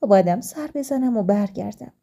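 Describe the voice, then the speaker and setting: A woman's voice: mid-range voice, animated, mellow. A woman voicing a young adult daughter who speaks earnestly and firmly in a told story. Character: young woman, daughter, cheerful but firm.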